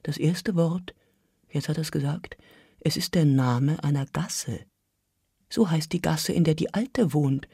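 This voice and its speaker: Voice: mid-range voice, creaky, slightly rough, no room sound, studio quality. Intense reader of a literary text. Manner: measured and intense, dropping to a hush and rising to urgent outbursts. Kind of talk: literary reading.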